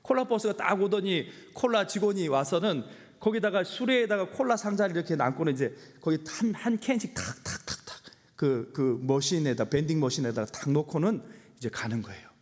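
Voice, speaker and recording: A man's voice: fairly high pitch, lively intonation, fairly quick. A middle-aged male pastor preaching a sermon, telling a personal story with humor and emotion. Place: church sanctuary. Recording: long hall reverb.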